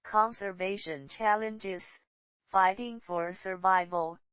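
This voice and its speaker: Woman reading nature doc chapter titles, slow, mid pitch, really dry recording. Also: a bit bright, no echo, low-quality recording. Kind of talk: scripted nature documentary section headings.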